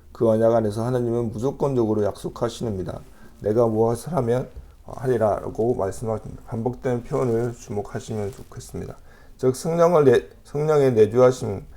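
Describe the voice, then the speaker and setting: A man preaching a sermon as pastor, reading scripture aloud and explaining it in a measured way with frequent pauses. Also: medium pitch, dark tone.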